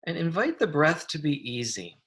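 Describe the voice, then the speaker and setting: With big pitch swings in a mid-pitched voice, a meditation guide leads a guided practice gently and soothingly, speaking unhurried phrases separated by long pauses.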